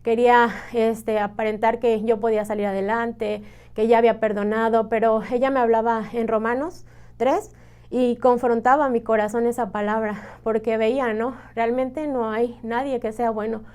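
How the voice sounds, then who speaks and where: A woman's voice: fairly high pitch, steady tone, normal speed, a little mellow, clear, resonant tone. A woman from Mexico with a Mexican accent giving an earnest, emotional personal testimony, often tagging her sentences with a questioning "¿no?". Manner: earnest, tags many phrases with a questioning "¿no?"; emotional storytelling. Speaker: church member giving testimony.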